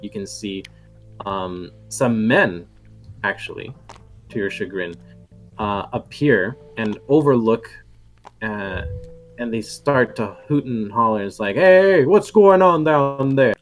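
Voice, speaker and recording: Homme lent, meneur de jeu hésitant. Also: male voice, fairly low pitch, slow pace, fairly bright tone, soft background music. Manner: rambling, many fillers and restarts. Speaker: game master. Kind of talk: narrating a tabletop game.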